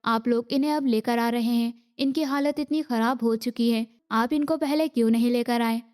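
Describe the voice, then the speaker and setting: A woman's voice: a little high, steady tone, darkish tone, natural voice. A woman reading the part of a stern, sarcastic woman doctor in an audiobook. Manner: sarcastic, blunt.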